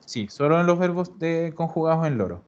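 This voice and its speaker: Guy teaching a class online, raised pitch, keeps asking "ya?", dull lo-fi sound. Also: animated, brisk, darkish tone, smooth. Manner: patient, repeats and checks understanding with "¿ya?". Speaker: Italian teacher.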